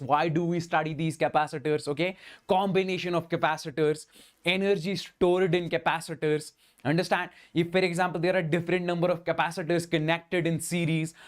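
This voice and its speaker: A man with a Kashmiri Indian accent speaks in a fairly high voice as a physics teacher running a live class. He addresses his students directly and keeps checking that they follow. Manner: repeatedly checks in with okay and understand.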